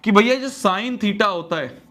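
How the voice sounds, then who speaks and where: A man's voice: sits high, slow, a bit bright. A young man teaching a math lesson, repeating each step and talking to students like friends. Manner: repetitive, drills steps and addresses students as friends.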